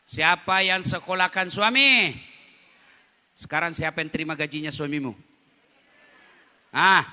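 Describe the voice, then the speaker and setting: Bright, dramatic male preacher. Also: on the high side, in a large hall. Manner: dramatic, animated, addresses the audience directly. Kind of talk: storytelling sermon. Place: condolence gathering.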